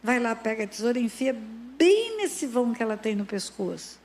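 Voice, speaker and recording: A woman voicing a menacing male demon that quietly urges a child to kill, in a low, insistent tone. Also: very animated, a little fast. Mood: coaxing. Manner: low, coaxing, insistent commands.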